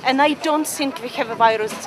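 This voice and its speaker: A woman's voice: high-pitched, fairly quick, a crowd in the background. Hesitant Ukrainian woman outdoors. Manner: hesitant, searching for words. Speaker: interviewee. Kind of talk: casual interview. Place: outdoors in a busy park.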